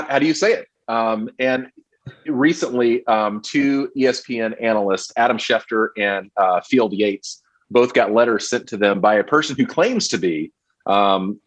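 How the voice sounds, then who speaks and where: A man co-hosting a college football podcast, talking casually with lots of fillers and restarts. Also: lowish voice. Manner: rambling, many fillers and restarts. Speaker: podcast co-host. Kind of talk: casual sports podcast chat.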